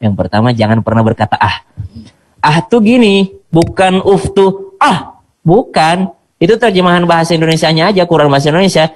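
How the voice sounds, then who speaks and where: Young male preacher, chatty and playful, fairly high voice. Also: animated, fast talker. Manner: playful and chatty, with chanted Quran recitation. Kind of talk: sermon to school students. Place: virtual school event.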